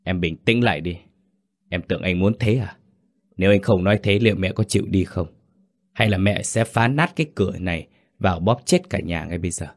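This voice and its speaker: A man's voice: deep voice, animated, fairly quick. A man voicing a desperate father who pleads and insists in a horror story reading.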